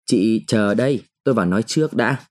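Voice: medium pitch, fairly quick, natural voice. A man reading a story, voicing a sly older go-between who is bossy and impatient. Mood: coaxing, sly.

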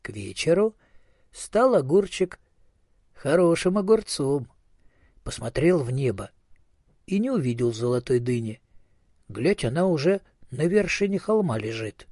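Male storyteller, calm and measured; slightly high, husky, dry recording. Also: no echo. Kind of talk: scripted storybook narration.

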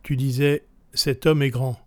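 A man reading the lines of a stern, gray-haired male stranger from a storybook in a grave, measured voice. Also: mid-range voice, flat delivery, no echo, close to an everyday voice.

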